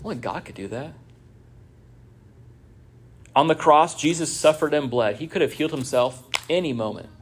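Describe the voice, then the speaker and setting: A man's voice: on the high side, lively intonation, normal speed, pauses often, slightly rough. A man preaching a sermon in a church, conversational, with many rhetorical asides to the congregation. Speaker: pastor.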